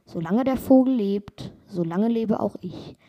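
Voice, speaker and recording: A woman voicing a calm, sly old man in a read-aloud fairy tale, speaking slowly and with gentle amusement. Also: medium pitch, close to an everyday voice.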